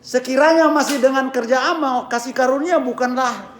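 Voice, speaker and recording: A male pastor preaching a sermon with a hoarse voice, swinging from hushed tones to shouting and mixing English phrases into his talk. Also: extremely high pitch, normal speed, echoey room. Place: church.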